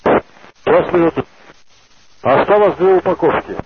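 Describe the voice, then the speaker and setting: A man's voice: on the high side, measured pace. A man in an aircraft crew giving brief, businesslike reports over a two-way radio. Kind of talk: radio traffic procedure. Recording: tinny radio link with clear static.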